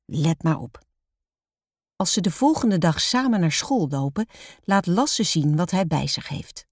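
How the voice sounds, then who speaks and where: A woman reading a children's storybook aloud in a calm, measured way. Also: on the low side, no room sound, studio quality.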